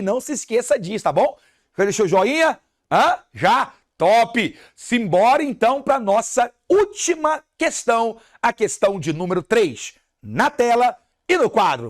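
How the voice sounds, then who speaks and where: Brazilian teacher, animated exam-prep lesson, very expressive pitch. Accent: Brazilian Portuguese. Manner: animated, talks to students as "pessoal" and "moleque", hypes the answer. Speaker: math teacher. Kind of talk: energetic exam-review lesson.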